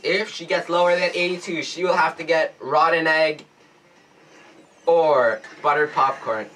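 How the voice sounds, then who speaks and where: Bright, excitable teenage boy hosting gaming challenge. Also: on the high side, unhurried, slight background noise. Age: teens. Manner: excitable, short exclamations. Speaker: host of a gaming challenge video. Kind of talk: casual gaming challenge commentary. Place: small indoor room with cloth backdrop. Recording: distant mic, music behind.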